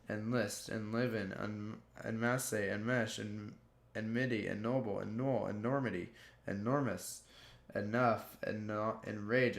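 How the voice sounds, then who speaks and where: In an echoey room, a video creator reads out dictionary entries word after word, stumbling and restarting again and again. He has a gravelly voice with a fairly low pitch.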